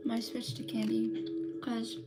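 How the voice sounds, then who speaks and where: Young woman crafter, casual and slow-talking, full of fillers, slightly high voice, over loud music. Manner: chatty and relaxed, with many "like" and "um" fillers. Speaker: crochet vlogger. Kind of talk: casual chat, reading live comments. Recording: loud background music under the voice.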